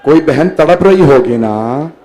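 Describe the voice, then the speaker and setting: A man's voice: a little high, expressive, a little slow, faint music behind. Impassioned male cleric, dramatic oratory. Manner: dramatic oratory, swings from loud declaiming to hushed lament; storytelling, acts out quoted speakers. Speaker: Shia cleric reciting a Muharram majlis. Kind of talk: impassioned majlis sermon. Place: large gathering hall.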